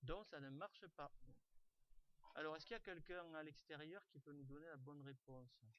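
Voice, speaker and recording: A man's voice: on the high side, moderate pace, a bit bright, a little hiss or hum. A man teaching an online class, talking informally with lots of fillers and restarts over a computer mic. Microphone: computer mic on a video call.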